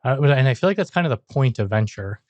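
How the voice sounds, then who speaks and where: A young man hosts a podcast, chatting and firing off questions in a casual, talkative style and saying "like" a lot. His medium-pitched voice is fast, a little mellow, and lively in intonation, captured in a dry recording.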